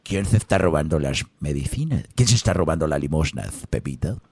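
A man voicing a stern old priest in a confessional with a low gruff voice, in a radio comedy sketch. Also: expressive, a little fast, a little mellow, no room sound, heavily acted. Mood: scolding.

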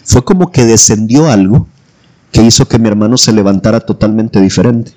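A man from El Salvador with a Salvadoran accent, telling a personal faith testimony as a guest, lively and acting out the voices he quotes. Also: fairly low pitch, brisk. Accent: Salvadoran Spanish.

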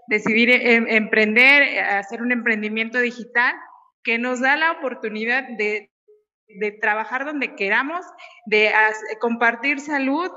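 A woman hosts an interview in a bright, higher voice, often pausing and repeating words as she builds her questions. The sound is dull and lo-fi, with a long reverb trailing behind her. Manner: hesitant, repeats words while asking. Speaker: podcast host.

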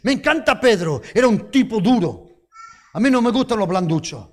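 A male preacher with a strikingly high voice delivers a sermon, telling stories and throwing questions at his listeners. He keeps a light, humorous touch as he preaches. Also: big pitch swings, moderate pace. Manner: storytelling with rhetorical questions and humor.

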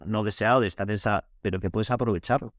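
A man's voice: lowish voice, quick pace, no echo, clean studio sound. A man co-hosting an interview, thinking aloud in a reflective way and checking in with short questions. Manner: thoughtful, tags phrases with "no?".

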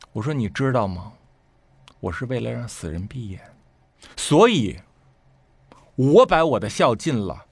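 A man telling a family story in casual talk, acting out what people said with sharp jumps in pitch. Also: slightly rough, no room sound. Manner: animated, acts out quoted speech with sharp rises. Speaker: storyteller guest.

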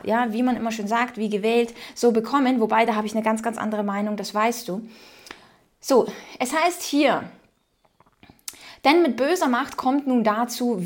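Woman from Ukraine, fairly high voice, opinionated commentary host, reads news aloud and reacts. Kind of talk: casual political commentary.

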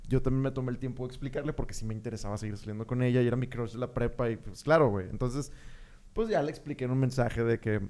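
A young man with a Mexican accent tells a story on a casual podcast chat. He is animated and swears freely, acting out his own reactions with jumps in his voice. His pitch sits in a middle range. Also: fast talker. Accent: Mexican Spanish. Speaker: podcast co-host.

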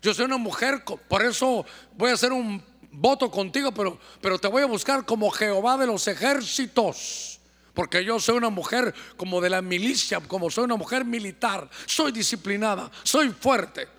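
A man's voice: high voice, moderate pace, a bit bright. Bitter childless woman begging god, man doing her, honduran, long echo in a church hall. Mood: defiant. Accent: Honduran Spanish. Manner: pleading, confessional prayer. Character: childless praying woman, bitter yet determined.

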